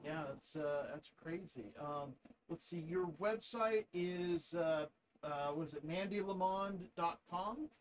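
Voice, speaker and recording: A man hosting a podcast interview, speaking haltingly with many fillers and a playful touch. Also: a little high, a little hiss or hum, low-quality recording. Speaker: podcast host. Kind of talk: casual interview chat.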